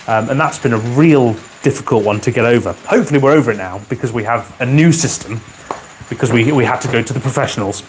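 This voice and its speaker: A man's voice: mid-range voice, quick pace, a little hiss or hum, poor audio. Man hosting a casual livestream. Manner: chatty, reads out viewer comments with dry humor. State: keeps clearing his throat. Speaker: livestream host. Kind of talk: casual live chat. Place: home garage with a model railway layout. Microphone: wearing a microphone.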